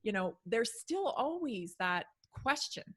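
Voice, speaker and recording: A woman's voice: a little high, sing-song, slow pace, fairly bright tone, breathy edge. A woman hosting a podcast interview, chatting casually and affirming her guest often. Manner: encouraging, frequent affirmations, chatty. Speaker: podcast host.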